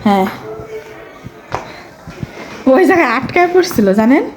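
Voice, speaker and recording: A hoarse woman, chatting casually to viewers in a home vlog as she tends her small children. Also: high-pitched, sing-song, a little slow, faint music behind, low-quality recording. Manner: chatty, talks to viewers and coaxes her toddler. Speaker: vlogger and mother.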